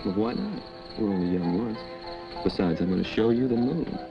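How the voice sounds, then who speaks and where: A man's voice: lowish voice, lively intonation, moderate pace. An actor playing a young man in love who talks in a teasing, easygoing way, on a dull old film soundtrack with music. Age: young adult.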